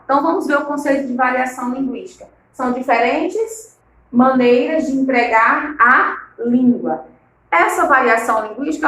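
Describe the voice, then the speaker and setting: A woman's voice: high voice, a bit bright, echoey room, rough recording. A woman teacher from Maranhão with a northeastern Brazilian accent, explaining a lesson and asking the class rhetorical questions. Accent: Maranhão Brazilian Portuguese. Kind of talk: recorded online class lesson.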